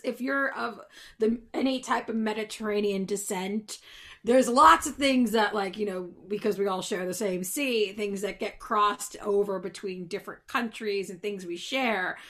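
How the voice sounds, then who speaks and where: A woman guest on a podcast, chatting playfully with drawn-out asides. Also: a little high, pushed and bright. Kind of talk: casual chat.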